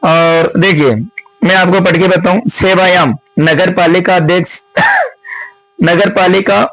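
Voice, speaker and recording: A Sanskrit teacher with a fairly high, fairly bright voice works slowly through an exam answer key like a teacher at the board, with big swings in pitch. He often answers his own questions and keeps calling viewers friends. The rough recording is dry and close, with no room sound and soft background music.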